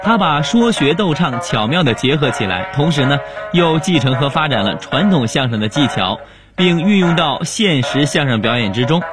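A man's voice: on the high side, very animated, normal speed. A man hosting a radio programme with scripted biographical narration. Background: music.

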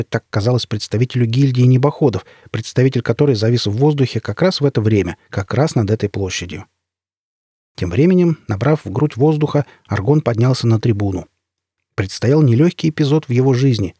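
Husky, dark-voiced male storyteller. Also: medium pitch, lively intonation, brisk, no echo, clean studio sound. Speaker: narrator. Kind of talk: storybook narration.

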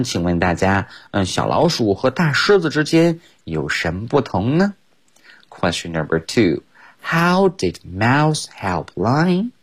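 A male radio teacher reads a children's story to young listeners. His slightly husky voice sits low and swoops up and down. He takes his time over every line. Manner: slow, expressive storytelling with exaggerated pitch swings. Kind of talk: bilingual storybook reading lesson. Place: radio studio.

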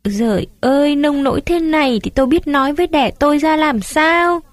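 A woman's voice: high voice, normal speed, no echo, pitched above the performer's own voice, close to an everyday voice. A woman voicing a tearful, anxious young village mother who asks fretful, pleading questions.

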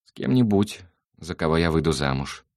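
A man's voice: animated, moderate pace, darkish tone, no room sound, clean studio sound. Man voicing impulsive hurt young woman. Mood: stubborn. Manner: raised pitch, pleading and emotional.

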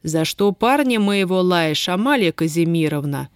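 A woman's voice: lowish voice, expressive, moderate pace, smooth, no room sound, studio quality, close to an everyday voice. Lady narrator doing grim old village headman, gloomy, angry under his breath. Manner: gloomy, restrained anger. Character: grim older male village elder, gruff. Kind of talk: audiobook character voice.

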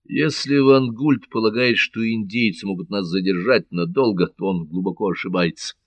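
A commanding pirate captain, as a male audiobook reader voices him, low-pitched and curt. He gives short orders with little patience. The recording is dry and close. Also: normal speed, dry recording, natural voice.

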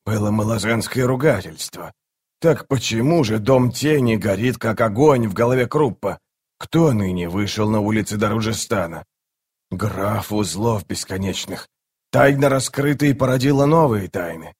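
A man's voice: fairly low pitch, moderate pace, a little mellow, slightly rough. A man playing a pompous, florid sorcerer. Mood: muttering. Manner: pompous, talks about himself in the third person. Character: plump, florid, self-important male sorcerer. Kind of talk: audiobook character voice.

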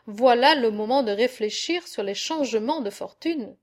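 A woman reading a medieval tale aloud, voicing a proud, wary male rooster in a measured, slightly haughty manner. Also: fairly high pitch, expressive, lightly acted. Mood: mocking.

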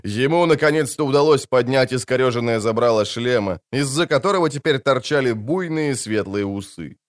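A man narrating an audiobook and voicing the characters by shifting his pitch and pace. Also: lively intonation, moderate pace, no echo, clean studio sound. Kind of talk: scripted narration with character voices.

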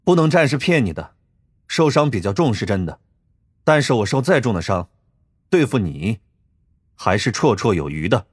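A man voicing a calm, cool-headed young man who speaks flatly and without hurry. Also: mid-range voice, slightly rough, no room sound, clean studio sound. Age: young adult. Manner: flat and unhurried.

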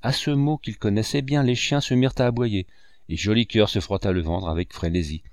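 A man narrating a classic novel in a measured storytelling manner. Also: fairly low pitch, fairly even intonation, a little mellow, smooth, dry recording, clean studio sound. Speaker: audiobook narrator.

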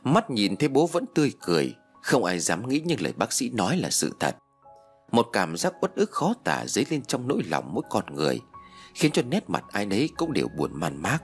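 A man reads a sorrowful story aloud with a low, husky voice. His pitch swings widely as he dramatizes each moment, and soft music plays behind him. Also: brisk. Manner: expressive, emotional reading. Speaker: narrator. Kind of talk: storytelling narration. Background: faint music.

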